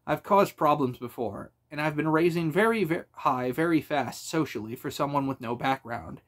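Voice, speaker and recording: A man's voice: fairly high pitch, normal speed, fairly bright tone. A man voicing a wry, brash young adventurer. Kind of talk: audiobook character voice.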